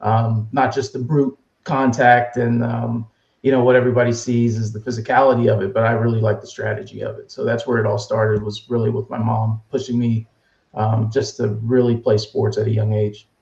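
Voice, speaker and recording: A male guest answers interview questions casually, telling his story in an easygoing, conversational manner. His gravelly, creaky voice sits in the mid range and moves at a moderate pace. The recording sounds dull and lo-fi, with a roomy echo from the space around him.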